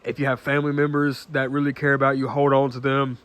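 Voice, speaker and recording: A nineteen-year-old man talking casually to camera in an earnest, halting way, full of restarts and fillers, often clearing his throat. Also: mid-range voice, flat delivery, a bit bright. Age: late teens. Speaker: vlogger.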